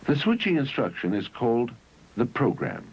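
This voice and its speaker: On the muffled soundtrack of an old 1971 educational film, a man reads scripted narration in measured, instructional phrases. His medium-pitched voice is sing-song and slightly rough.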